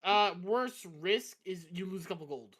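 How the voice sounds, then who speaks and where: A man's voice: high voice, lively intonation, normal speed, crowd noise. A man acting as game master of a casual tabletop game, laughing often and stumbling over restarts.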